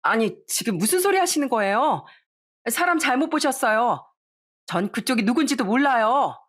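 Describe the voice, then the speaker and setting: A woman doing a shrill, defensive bride-to-be. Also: expressive, normal speed. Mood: shrill indignant. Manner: fawning, then high-pitched and indignant. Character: sweet-talking bride-to-be, turns shrill and defensive.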